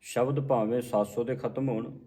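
Man slowly reciting and correcting scripture. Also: medium pitch, fairly even intonation, warm tone. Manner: recites verse lines slowly, then explains each word; patient, repeats corrections several times. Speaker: Gurbani pronunciation teacher. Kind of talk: explanatory religious lesson.

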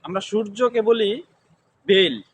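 High voiced guy w/ gazipur accent answering slow, faint ambient noise. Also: animated, a bit bright. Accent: Gazipur Bengali dialect. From Gazipur, Bangladesh. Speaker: interviewee. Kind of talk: street interview answers.

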